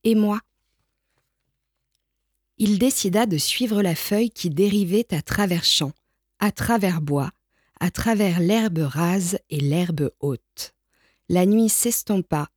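A woman reading a children's picture book aloud in a gentle, expressive way. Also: fairly low pitch, takes it slowly, breathy edge, dry recording, studio quality. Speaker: storyteller. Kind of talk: children's storybook read-aloud.

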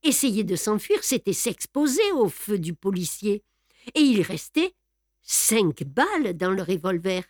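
A woman narrating a classic adventure novel aloud in a measured, expressive reading. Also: medium pitch, dry recording, studio quality. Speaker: reader. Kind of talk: audiobook narration.

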